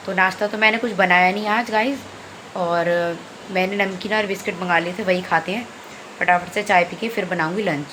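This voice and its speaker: A woman's voice: medium pitch, a bit bright, slight background noise, low-quality recording. Chatty woman vlogging from home. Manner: chatty, talks to camera and to her sick child. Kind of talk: casual home vlog.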